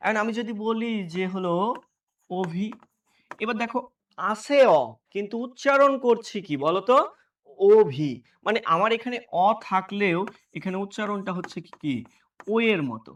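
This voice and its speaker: A man's voice: high-pitched, a bit bright, recorded from a distance. A male teacher giving an exam-prep lesson. He asks questions aloud, answers them himself, and keeps checking that students follow.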